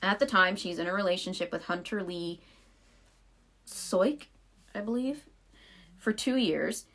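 A woman's voice: on the low side, measured pace, a bit bright. A young woman co-hosting a podcast, telling a story in casual chat with lots of "like" fillers. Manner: chatty storyteller, frequent "like" fillers. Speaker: podcast co-host.

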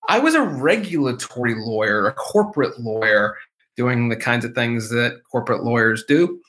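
A man's voice: mid-range voice, lively intonation, normal speed, a bit bright, poor audio. A man interviewed as a former company executive, talking candidly and with some self-deprecation.

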